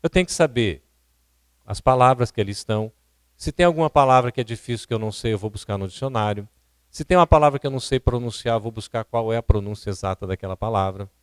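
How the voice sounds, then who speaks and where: A Brazilian man lectures a seminar audience in a didactic way, often asking them questions. His voice sits at an ordinary middle pitch. The sound is dry and close. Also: quick pace, clear, resonant tone, no room sound. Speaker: seminar speaker. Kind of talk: lecture on public speaking. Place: seminar hall at a spiritist centre.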